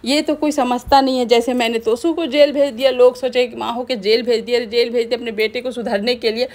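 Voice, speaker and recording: Woman voicing a wise mother, gently lecturing, fairly high-pitched. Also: steady tone, a little fast, close to an everyday voice. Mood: advising. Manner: gently lecturing, plain reading of dialogue.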